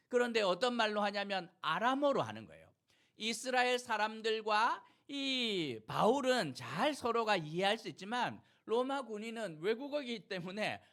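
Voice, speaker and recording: Male pastor, high-pitched, lively storyteller in the pulpit. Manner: animated storytelling, retelling scenes in everyday terms. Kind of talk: sermon.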